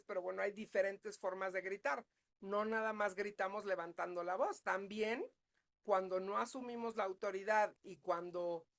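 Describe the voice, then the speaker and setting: A woman leads a parenting class as a psychologist. She talks in a relaxed, conversational way and keeps checking in with her listeners. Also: medium pitch. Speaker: psychologist leading a parenting talk. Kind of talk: live online parenting class.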